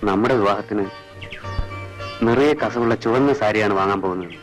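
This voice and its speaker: Young lover, tender and gentle, lower voice, played by an actor; vintage film audio, music clear behind. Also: male voice, brisk, lightly acted. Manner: soft romantic, gently asking. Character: tender young man in love. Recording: old film soundtrack with music.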